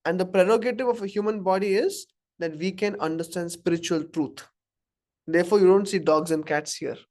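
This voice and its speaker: A man's voice: sits high, a little fast, a little mellow. Indian man teaching a scripture class. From Karnataka, India. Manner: conversational, asks the audience questions, chuckles at own examples. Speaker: spiritual teacher. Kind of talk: informal scripture class talk. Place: room with a live audience.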